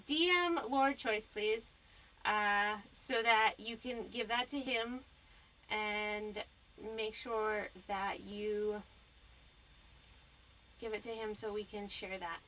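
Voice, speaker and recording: A woman's voice: medium pitch, fairly even intonation, slow, pauses often, bright, forceful tone, rough recording. A woman hosting a live stream, teasing her guest and rambling with fillers in casual banter. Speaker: stream host.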